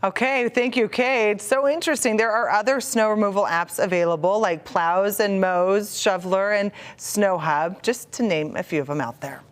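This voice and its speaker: A woman's voice: medium pitch, moderate pace, few pauses. Woman anchoring a TV newscast. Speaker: news anchor. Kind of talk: news studio hand-off.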